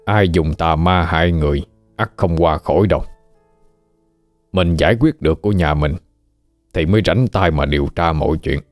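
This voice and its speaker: Give me a steady, reassuring old exorcist with a deep voice, read by a man. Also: moderate pace, long pauses, no room sound, faint music behind, natural voice. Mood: calm. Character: old male exorcist, calm, firm.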